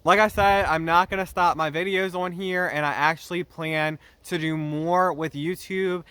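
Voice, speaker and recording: A young man talks straight to the camera about his own channel, earnest and a little defensive as he explains himself. His voice sits a bit high for a man and has a bright, forward edge. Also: fairly even intonation, normal speed, smooth, no echo. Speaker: YouTube channel host. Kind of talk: direct-to-camera vlog talk.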